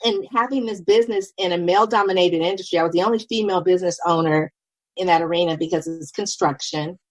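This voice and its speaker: Woman in her fifties, podcast guest, lively storyteller, dry close recording. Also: on the low side, quick pace, no echo, poor audio. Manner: lively, animated, acts out quoted dialogue. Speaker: podcast guest, nurse and business owner. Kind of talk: casual conversational storytelling.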